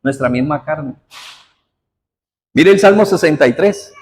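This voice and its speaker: High-voiced preacher, echoing hall. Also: male voice, lively intonation, measured pace. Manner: asks the congregation questions as he reads; uses formal usted address. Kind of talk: sermon. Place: church hall. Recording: hall reverb, faint noise.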